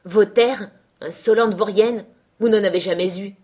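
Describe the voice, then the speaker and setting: A woman's voice: lowish voice, normal speed, darkish tone, close to an everyday voice. A woman reading an audiobook, voicing a domineering middle-aged man who barks harsh threats and commands. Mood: furious.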